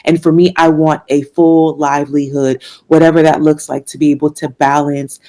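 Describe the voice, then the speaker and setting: Her voice sits low with a dark tone, and her delivery is flat at a moderate pace. She's a young jazz singer from Washington, D.C., United States, answering an interview earnestly, speaking of her faith, with fillers and laughs along the way.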